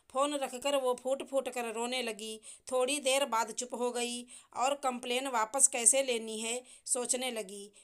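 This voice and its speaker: A woman narrating a moral story in a measured, even reading. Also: on the high side, clear, resonant tone.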